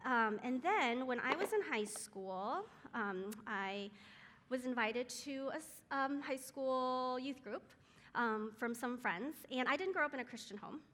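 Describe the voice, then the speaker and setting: A woman from Taiwan or China who grew up around Seattle, with Chinese as her first language, is a guest speaker at a church moms group in a church meeting room. Her high, lively voice is a bit bright and carries a large-hall sound. She talks casually at a measured pace, earnest and hesitant, with many ums.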